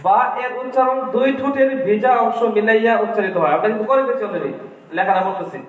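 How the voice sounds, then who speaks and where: A high-pitched male teacher leads a Quran reading class and keeps asking his pupils questions that he answers himself. His voice rings through a large, echoey hall with a long reverb. He sounds as if he stands some distance from the microphone. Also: fast talker, narrow, tinny audio. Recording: echoey hall, far from the mic.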